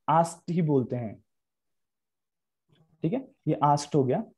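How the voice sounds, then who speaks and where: A man's voice: on the high side, mellow, lo-fi sound. A young man teaching English grammar in a live online class, explaining in Hindi with English terms and repeating key points.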